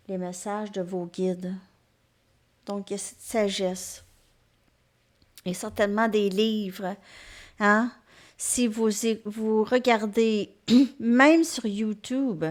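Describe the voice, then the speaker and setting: A woman gives a tarot reading to her viewers, gently reassuring them and often checking in with them. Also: mid-range voice. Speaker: tarot reader.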